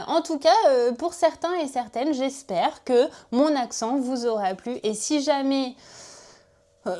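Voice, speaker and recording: A woman hosts a knitting video podcast and chats casually with her viewers. Her voice sits a little high, and she talks freely, often laughing and poking fun at herself. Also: dark tone. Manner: chatty, laughs often, self-mocking. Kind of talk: casual chat to camera.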